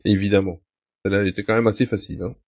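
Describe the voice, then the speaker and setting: A man's voice: on the low side, racing, no room sound, clean studio sound. A man hosting a casual podcast quiz in a playful way, reading out questions and answer choices. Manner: animated, playful, reads quiz options aloud. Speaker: podcast host and quizmaster.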